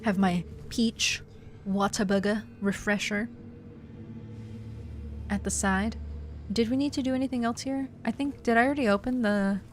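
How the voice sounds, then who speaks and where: A woman's voice: on the high side, fairly even intonation, moderate pace, long pauses. A woman in her twenties giving casual live gameplay commentary, chatty and giggly, talking to herself and her chat. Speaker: game streamer. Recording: game music faint behind.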